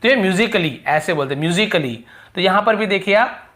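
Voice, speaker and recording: A male teacher giving a video lesson, explaining step by step, repeating example words slowly and asking rhetorical questions. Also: high-pitched, lively intonation, fairly bright tone. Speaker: English teacher. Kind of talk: classroom-style video lesson.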